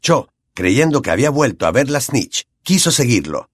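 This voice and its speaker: A man with a Latin American Spanish accent narrating an audiobook in an expressive, animated way. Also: medium pitch, normal speed, husky, no room sound, clean studio sound.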